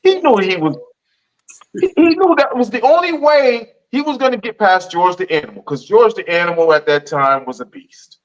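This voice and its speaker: A man's voice: sits high, normal speed. A man on a podcast panel, chatting casually and often restarting his sentences with stammers. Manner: stammering restarts, relaxed storytelling. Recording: dull lo-fi audio.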